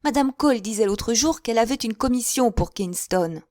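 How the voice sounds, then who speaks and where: A woman's voice: on the high side, expressive, moderate pace, a little mellow, dry recording, studio quality, voice pushed up, close to an everyday voice. A woman voicing a chattering, effusive older spinster who gushes in breathless run-on talk. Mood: gushing.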